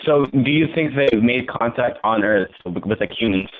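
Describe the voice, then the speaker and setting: A man calling in over the phone to a live show, asking questions in a halting, hesitant way. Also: mid-range voice, lively intonation. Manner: halting, hesitant, many restarts. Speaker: caller. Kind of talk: casual call-in chat. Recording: tinny phone line with faint hiss.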